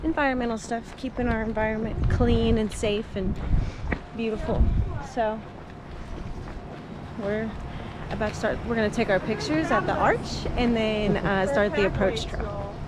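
A woman's voice: on the high side, steady tone, measured pace. A woman vlogging casually, chatting along as she shows things around and describes them. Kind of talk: casual vlog narration. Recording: noisy handheld recording.

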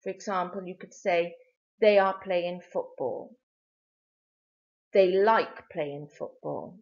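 Woman teacher for a video lesson, slow deliberate drilling, slightly dull lo-fi sound. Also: lowish voice. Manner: slow, clear drilling with repetition prompts. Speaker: French teacher. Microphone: video lesson mic.

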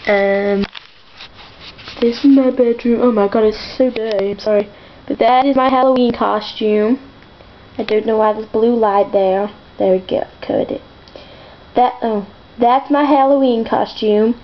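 A woman's voice: a little high, fairly even intonation, a little slow, highs cut off. A young woman chatting aimlessly to her camera in her bedroom, full of fillers, giggles and side remarks. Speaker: vlogger. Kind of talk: rambling casual vlog.

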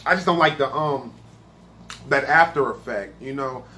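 A food reaction vlogger with a mid-range, pushed, bright voice reviews a spicy snack on his own channel at a normal speed. He is laid-back and chatty, talking loosely and swearing a lot.

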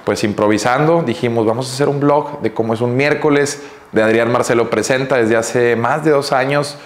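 A man talks to his vlog audience in a loose, slangy, joking way. His voice sits at an ordinary middle pitch, and the sound is roomy, with a noticeable echo. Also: normal speed. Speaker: vlog host. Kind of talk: casual vlog chat. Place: home and then in a car.

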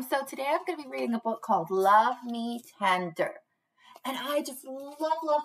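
This young adult preschool teacher has a fairly high, slightly bright voice as she reads a story to little kids with sing-song bubbliness. The webcam recording, made in a small panelled room, is low quality.

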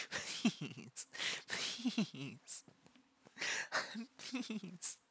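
A man's voice: high-pitched, expressive, sharp tone, breathy edge, full character voice. Man playing a giggly gremlin femboy pleading through tickles. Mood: helpless, breathless laughter. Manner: breathless giggly pleading under a tickle attack, rapid repeated words. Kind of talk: ASMR role-play.

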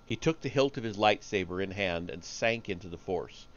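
A man reading a story aloud on a live stream, steady but with small slips and restarts. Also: sits low, moderate pace, highs cut off.

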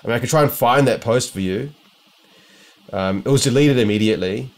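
Talking to a close camera at home in his living room, a young New Zealand optometrist vlogger speaks at a fairly quick pace with a medium-pitched voice. He rambles casually, frequently cutting himself off and starting over as he sorts through his ideas.

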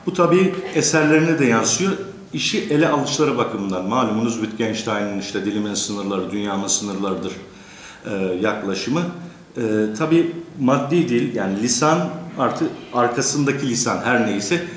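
A man giving a courteous academic lecture, pausing often with drawn-out fillers and addressing the teachers in his audience. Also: mid-range voice, slight background noise. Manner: hesitant, many drawn-out fillers. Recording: echoey lecture room.

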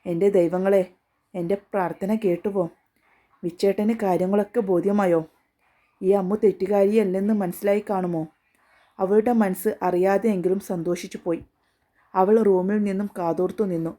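A woman storyteller reading a serialized romance story aloud in an even, steady manner. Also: medium pitch, moderate pace, long pauses.

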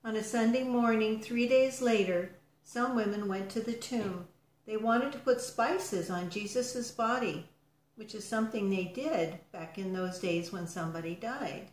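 A woman reading a storybook aloud to children, gentle and expressive, with soft drops in volume. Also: mid-range voice, measured pace, reverberant, a little hiss or hum, poor audio.

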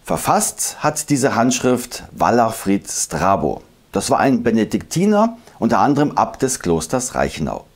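A man narrating a scripted history lesson, explaining emphatically and slowing down to recite old verses. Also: medium pitch, very animated. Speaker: history video host.

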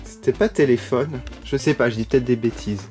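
A man with a medium-pitched, slightly mellow voice gives brisk, casual unboxing commentary as a toy vlogger. He gushes throughout with frequent delighted exclamations, and background music plays.

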